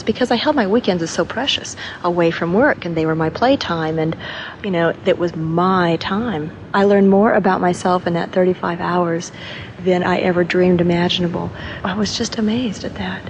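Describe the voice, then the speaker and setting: A woman's voice: on the low side, moderate pace, slight background noise, rough recording. A woman from Wyoming reflecting emphatically on her course experience. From Wyoming, USA. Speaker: manager, course graduate. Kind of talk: testimonial interview.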